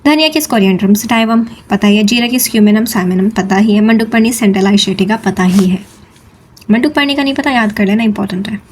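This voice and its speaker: A young woman tutoring in a chatty, playful way, drilling terms slowly and repeating them, mixing Hindi with English terms. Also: mid-range voice, darkish tone, a little hiss or hum. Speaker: Ayurveda tutor. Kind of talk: informal exam-prep lesson.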